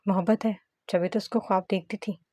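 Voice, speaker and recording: A woman voicing a feisty young wife who bickers with a sharp tongue. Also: lowish voice, a little fast, dry recording, close to an everyday voice. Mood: soft. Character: feisty young wife, quick-tempered secret agent.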